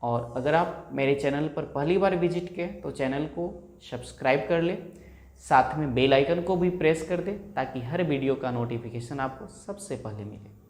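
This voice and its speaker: A man who speaks Hindi natively, teaching English pronunciation and slowly repeating and stretching out each sound. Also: fairly high pitch, a little mellow. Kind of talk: explaining pronunciation to a class. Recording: echoey room.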